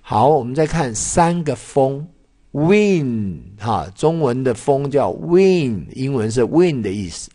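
A man teaching a children's Chinese lesson, drawing out syllables slowly when modelling pronunciation and mixing in English words. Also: medium pitch, expressive, mellow. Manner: switches between Mandarin and English words.

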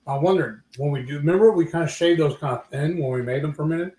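In his thirties and hoarse from being sick, this livestream co-host chats easily while cooking and eating live in his home kitchen. He talks fast, with a slightly high, warm voice and a relaxed, talkative manner. A fixed camera mic on the table records him in the echoey kitchen.

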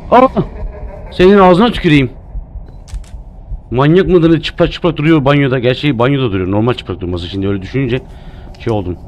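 A man's voice: mid-range voice, fast talker, darkish tone, a little hiss or hum. A man doing live commentary while playing a horror game, jumpy and joking, cursing at the game. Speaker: streamer.

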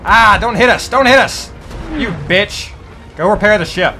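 A man's voice: high voice, normal speed, over music. A man hosting a gaming video, chatting casually and profanely, joking and slipping into pirate talk. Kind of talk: casual gameplay chat.

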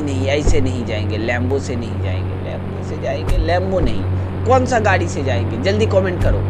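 A young Indian man doing live, playful commentary on a game he is playing, mock-scolding the characters in it and jumping between low grumbles and high yelps. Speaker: gaming streamer. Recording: noisy game stream with car sounds.

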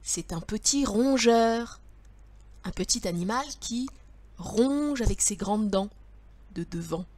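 Slow, patient woman teacher. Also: medium pitch, lively intonation, darkish tone. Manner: slow, patient, sing-song, speaking to a child. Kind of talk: children's riddle lesson.

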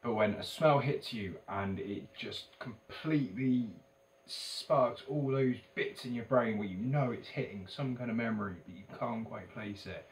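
A man's voice: medium pitch, a little slow. A man in his thirties with an English accent, giving a chatty, casual product review to camera, hesitant and trailing off at phrase ends. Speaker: tobacco shop video reviewer. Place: indoors, in a shop corner by a banner. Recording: distant mic with faint background noise.

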